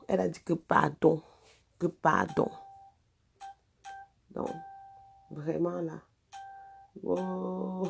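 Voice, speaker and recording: A woman with a Cameroonian French accent chatting casually as a vlogger, animated and teasing, with sing-song repetition. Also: lowish voice, vocal fry, slight background noise. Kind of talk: casual chat.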